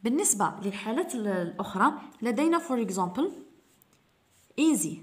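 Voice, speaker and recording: A woman's voice: medium pitch, big pitch swings, moderate pace. A woman English teacher giving an exam review lesson, explaining grammar rules step by step and answering her own questions.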